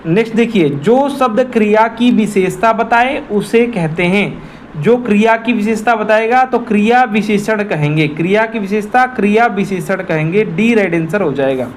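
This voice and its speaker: Man, high voice, exam tutor talking viewers through a quiz, repeats the key answers, faint hiss behind. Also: moderate pace. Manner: repetitive, addresses viewers as friends. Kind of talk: explanatory quiz walkthrough.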